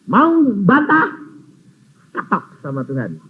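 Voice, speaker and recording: A man preaching a storytelling sermon, acting out conversations with sudden high squeals and low murmurs. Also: huge pitch swings, slow, slightly rough. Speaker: evangelist preacher. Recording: muffled phone-like sound with faint noise.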